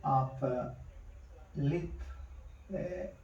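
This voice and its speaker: A man demonstrating charcoal drawing, talking slowly to himself as he works and repeating words under his breath. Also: fairly high pitch, darkish tone, highs cut off. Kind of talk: thinking-aloud drawing demonstration. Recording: roomy, mic at a distance.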